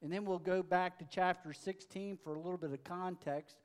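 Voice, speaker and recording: Male preacher, high voice, scripture reading into a pulpit mic. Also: fairly even intonation, a little fast. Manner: reads with rising, forceful emphasis. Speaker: pastor. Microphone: mic checked aloud.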